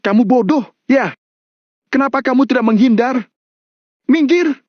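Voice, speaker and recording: A young man in a fury, his voice pushed up high into shouting, as a man reads him out. He bellows every line. The sound is dry and a little dull. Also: measured pace, no room sound. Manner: shouting, raging. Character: furious young man with a knife.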